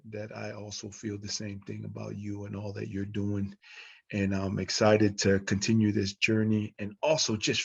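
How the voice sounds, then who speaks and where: A man's voice: fairly low pitch, gravelly, breathy edge, muffled recording. A man hosting a talk show, reading his guest's introduction and then interviewing him in an upbeat, emphatic way. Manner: upbeat, emphatic introduction with rising calls to the audience. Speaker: show host.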